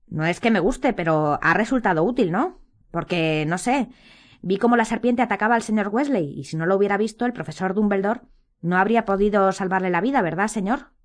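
A woman's voice: mid-range voice, a little fast, lightly acted. An impatient teenage wizard boy, read by a woman in a storybook, pushing his questions with urgency and a slightly raised voice. He sounds eager and restless. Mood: urgent.

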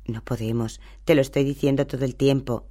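An anxious, clever teenage schoolgirl, as a man reading a storybook aloud puts her on. She speaks urgently and presses her point, her voice a touch mellow and dark. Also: medium pitch, fairly even intonation, brisk, close to an everyday voice. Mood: insistent. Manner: urgent, insistent.

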